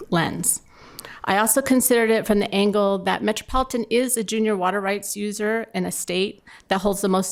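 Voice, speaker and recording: Speaking as a panelist for a municipal water provider, a middle-aged woman offers casual conference remarks straight to the audience in a conversational manner. Her voice is mid-range and gravelly.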